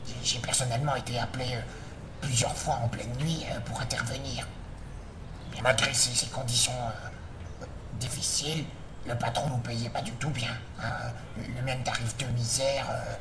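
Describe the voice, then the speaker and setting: Give me a man's voice, pitch-shifted deeper to disguise it, speaking hesitantly in an echoey, distant, noisy recording. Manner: hesitant, many fillers and repeated words. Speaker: former freelance journalist. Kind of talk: anonymous spoken testimony.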